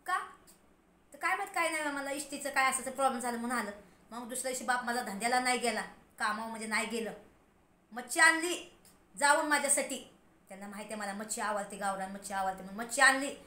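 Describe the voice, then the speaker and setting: A woman's voice: a little high, fast, sharp tone. Emotional village woman vlogging. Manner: emotional, rambling, addresses viewers directly. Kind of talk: casual personal vlog. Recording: roomy echo, faint background noise.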